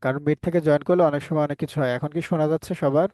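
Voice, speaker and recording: Male teacher on a headset, slightly high, warm and dry, quizzing the class over and over. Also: steady tone, rapid-fire, dry recording. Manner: drills the class with repeated call-and-response questions. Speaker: English teacher. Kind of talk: online class teaching pronunciation.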